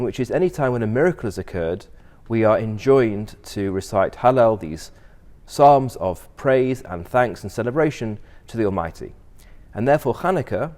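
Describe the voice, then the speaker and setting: A man, a rabbi, giving a measured explanatory religious talk, posing questions and then answering them. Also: lowish voice, darkish tone. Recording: long reverberant hall echo.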